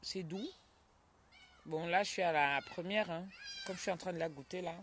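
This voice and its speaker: A woman's voice: fairly low pitch, normal speed. Woman chatting on a phone live stream at home, greets viewers, faint hiss behind. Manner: chatty, greets viewers by name, scolds a crying child aside. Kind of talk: casual live-stream chat.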